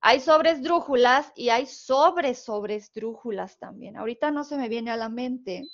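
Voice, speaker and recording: A woman at a measured pace and fairly high pitch teaches spelling with a northern Mexican Spanish accent. The recording is dull and lo-fi as she works patiently through the rules and checks in with her class.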